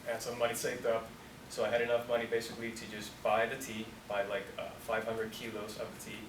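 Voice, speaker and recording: A fast-talking Colombian founder in his twenties, mid-range in voice, speaks casually and wanders from point to point before a student audience, peppering everything with "like." The setting is a university room, recorded from a distance with echo and plenty of noise.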